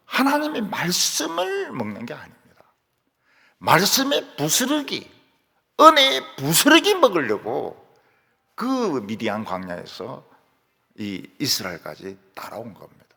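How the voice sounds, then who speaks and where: A male pastor with a Gyeongsang accent delivers a sermon from the pulpit. His voice is husky and gravelly and sits a bit high, and his pitch leaps around as he acts out the voices in his stories. A long reverb from the church hall trails every phrase. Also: unhurried. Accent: Gyeongsang Korean. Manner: animated storytelling, acting out quoted voices. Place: church sanctuary.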